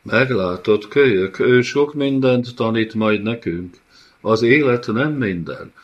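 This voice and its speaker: A man voicing an undead woman who taunts with an eerie, unhurried calm in an audiobook. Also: mid-range voice, voice pushed up, lightly acted. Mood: eerie, taunting. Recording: dull lo-fi audiobook recording.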